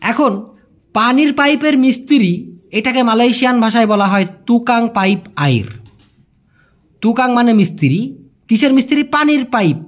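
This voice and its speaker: Man with a bangladeshi bengali accent, high voice, animated pitch, patient repeated phrases, language lesson. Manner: explains slowly with repeated examples, calls listeners brother. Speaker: language teacher. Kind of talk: language lesson for migrant workers.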